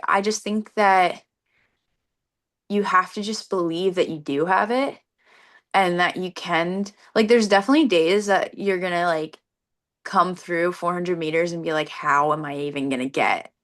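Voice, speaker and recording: A young woman, a competitive runner, talks earnestly in a casual interview, her medium-pitched voice slightly bright. She keeps dropping "like" into her sentences as filler.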